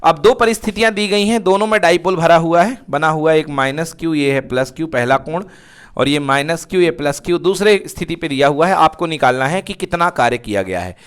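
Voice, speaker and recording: A male physics teacher runs a fast revision lesson in a call-and-response rhythm, asking a question and then supplying the answer himself. His voice sits high and rings clear and smooth. He drills the key terms again and again in a colloquial way.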